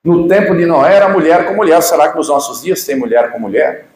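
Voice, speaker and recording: A man's voice: a little high, brisk, a little mellow, roomy sound. A man with a Brazilian Portuguese accent preaching a sermon, emphatic and full of rhetorical questions. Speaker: pastor.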